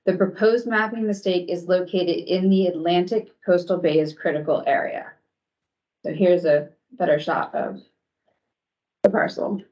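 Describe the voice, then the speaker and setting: Low-voiced woman presenting over video-call audio. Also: steady tone, warm tone. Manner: measured, clear, with some hesitant ums. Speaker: commission staff presenter. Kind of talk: formal briefing presentation. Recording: dull lo-fi online meeting audio.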